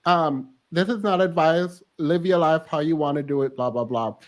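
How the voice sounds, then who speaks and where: A man's voice: on the high side, moderate pace. A man hosting a casual panel discussion on a video call, laid-back and joking, rambling a little as he talks. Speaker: host.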